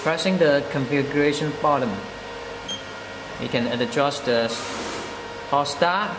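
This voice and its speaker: A man walks through machine settings slowly and deliberately, leaning on key words as he explains each control. His voice carries a roomy echo with a long reverb tail, and a steady air-conditioning hum sits clearly underneath. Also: on the high side. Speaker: product demonstrator. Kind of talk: product demonstration voice-over.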